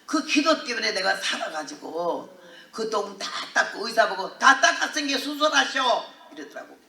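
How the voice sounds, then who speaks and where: An older woman missionary preacher telling a testimony in a revival sermon, earthy and animated with laughter. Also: medium pitch, normal speed, gravelly. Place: large hall at a prayer retreat. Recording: echoey hall, voice from far off.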